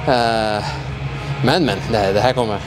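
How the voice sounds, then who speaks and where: A young man vlogging in a large gym, sore and worn out, talking haltingly with many fillers. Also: fairly low pitch, low-quality recording. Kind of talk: casual vlog chat. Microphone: handheld mic. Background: music playing.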